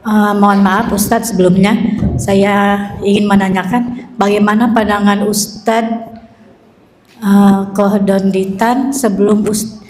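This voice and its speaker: A woman's voice: mid-range voice, level tone, takes it slowly, darkish tone, roomy sound, slight background noise, rough recording. A woman in the audience politely asking the preacher a question, apologizing as she asks. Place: hall with a live audience.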